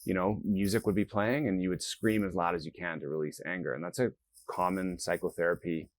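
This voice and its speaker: The interviewed company founder keeps a steady tone in his low voice, talking a little fast. Earnest and explanatory, he performs the self-talk of nervous people, recorded with no echo.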